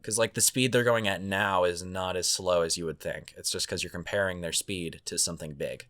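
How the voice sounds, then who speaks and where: A man's voice: low-pitched, fairly even intonation, brisk, fairly bright tone. A man co-hosting a podcast in casual chat, joking around and explaining things with goofy comparisons. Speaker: podcast co-host.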